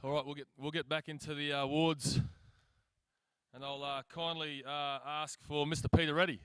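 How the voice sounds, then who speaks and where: A man's voice: fairly high pitch, flat delivery, normal speed, a bit bright, smooth. An Australian man hosting a school sports awards night in a hall, chatting with guests in a chummy way. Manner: chummy, keeps saying "mate". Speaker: master of ceremonies.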